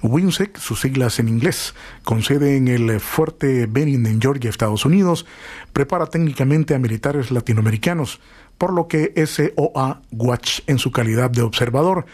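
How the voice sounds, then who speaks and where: A male radio host with a voice of middling pitch who talks his listeners through the afternoon's music and news. He hesitates between phrases and then reads news items in a measured, informative way. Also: darkish tone. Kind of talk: radio talk show hosting and news commentary.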